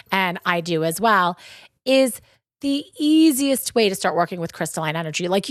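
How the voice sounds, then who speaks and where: Animated Long Island woman, dry close sound. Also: medium pitch, no echo. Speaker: podcast co-host. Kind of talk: casual podcast chat.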